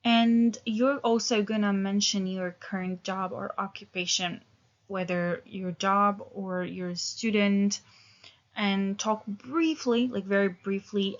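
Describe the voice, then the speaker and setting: A woman in her thirties teaches an English lesson in a relaxed, hesitant manner, full of fillers and restarts. Her voice is medium-pitched and unhurried, and the audio sounds dull.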